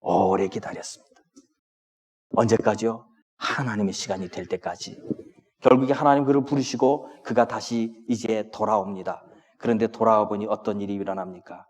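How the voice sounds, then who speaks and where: A man preaching a sermon as senior pastor, with expressive delivery that rises to impassioned pleading when he voices prayers. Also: fairly low pitch, moderate pace. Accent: Korean. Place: church sanctuary. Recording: long church-hall reverb.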